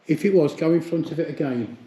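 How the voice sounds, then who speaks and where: A man's voice: on the high side, fast talker, dark tone. A British man speaking as an amateur ghost hunter in a casual, blunt way, calling out to spirits and chatting as he investigates indoors. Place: indoors in a pub. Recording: echoey room in a pub.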